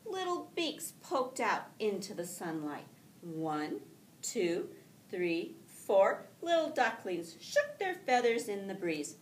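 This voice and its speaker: Reading to children from a picture book, a middle-aged teacher uses a slow, expressive storytelling delivery full of drawn-out words. She's indoors in a school classroom, captured by a camera a few feet away, and the sound is echoey and distant with faint rumble.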